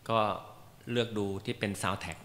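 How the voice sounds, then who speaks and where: A man with a somewhat low voice gives an informal lecture to a class, chatty and joking, with plenty of fillers. His voice rings with the long reverb of a hall, and a faint hiss of noise sits underneath. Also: unhurried, a bit bright. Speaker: meditation teacher.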